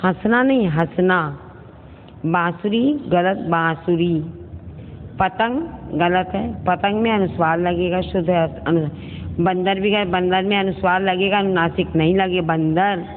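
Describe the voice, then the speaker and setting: Woman teacher for a kids' online lesson, patient and deliberate, calls pupils her children, faint hiss behind the lo-fi audio. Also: on the low side, fairly even intonation. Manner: slow, careful, repeats each word to contrast wrong and right forms; addresses pupils fondly as children. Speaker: school teacher. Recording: tinny phone-like audio with long reverb and faint noise.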